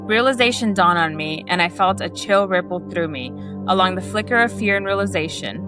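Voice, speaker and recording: A woman's voice: lowish voice, fairly quick, music in the background. Woman reading a horror story aloud. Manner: steady narration with small self-corrections.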